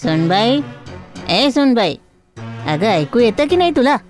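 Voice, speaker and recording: A woman's voice: mid-range voice, animated, normal speed, a little mellow, faint music behind, close to an everyday voice. A woman voicing a harsh, scheming older mother-in-law in a cartoon story, scolding and taunting as she gives orders.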